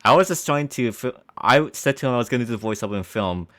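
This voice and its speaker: A man's voice: mid-range voice, expressive, quick pace. A young man casually commenting on his old school video, rambling with many restarts and small laughs.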